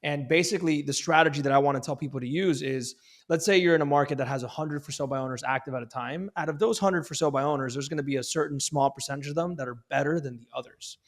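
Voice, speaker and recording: Male realtor guest, quick and emphatic, restarts words, raised pitch. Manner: emphatic, repeats words at the start of phrases. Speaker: real estate agent, podcast guest. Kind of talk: fast sales-coaching talk.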